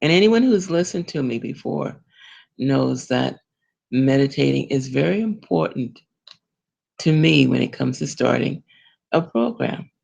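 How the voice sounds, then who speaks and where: Lady reverend hosting a spiritual show, really gravelly voice, smiley and gentle, takes it super slow. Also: a bass voice, lively intonation. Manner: smiling, gentle, meditative. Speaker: reverend and host of a spiritual program. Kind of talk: slow spiritual broadcast talk.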